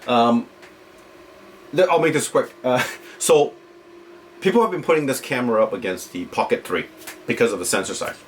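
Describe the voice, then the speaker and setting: A man's voice: medium pitch, normal speed, long pauses, a little hiss or hum. A man vlogging a casual, unscripted gear review in a rambling, opinionated way, often checking in with the listener.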